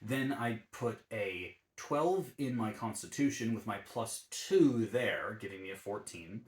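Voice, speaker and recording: A man with a fairly low voice walks through a tabletop character build, easygoing and explanatory, pausing on ums and uhs. His voice carries a noticeable roomy echo, as if recorded in an untreated room. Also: expressive. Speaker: YouTube D&D channel host. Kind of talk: relaxed tabletop game class guide.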